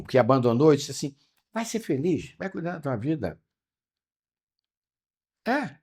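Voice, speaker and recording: A man leading a spiritual lesson in a fairly high, very lively voice that rises and falls sharply. He teases and questions his listeners, calling out names as he goes. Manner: animated, calls on listeners by name, rhetorical questions. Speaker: teacher of a spiritual study class.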